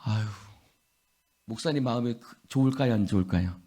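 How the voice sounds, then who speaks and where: A man preaching at an early-morning prayer service with a lively, swinging pitch. He slips into voices and quizzes the congregation as he goes. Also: moderate pace, slightly rough. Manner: lively, acts out voices and asks the congregation questions. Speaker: pastor.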